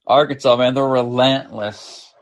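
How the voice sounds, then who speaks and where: A man's voice: mid-range voice, steady tone, measured pace. A man co-hosting a sports podcast, talking casually and repeating words as he thinks. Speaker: podcast co-host.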